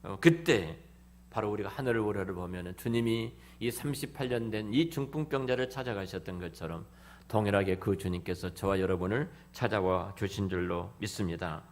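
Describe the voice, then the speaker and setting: A middle-aged man preaching a sermon as pastor in a church, emphatic, swinging between loud exclamations and hushed near-whispers, often repeating words and restarting phrases. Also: medium pitch, a little hiss or hum. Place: church sanctuary.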